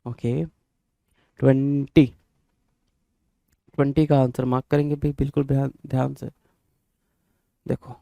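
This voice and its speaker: A male teacher, giving an exam-prep grammar lesson, asking questions and answering them himself, and reading example sentences slowly. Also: mid-range voice, level tone, vocal fry, dark tone, no room sound. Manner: reads English sentences slowly and deliberately.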